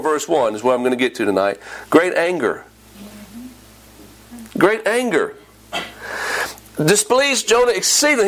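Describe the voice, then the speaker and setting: A man preaching a sermon, reading old scripture aloud and swinging from low emphasis to emphatic high peaks. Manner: animated, rising to emphatic peaks and dropping low; reads King James scripture aloud.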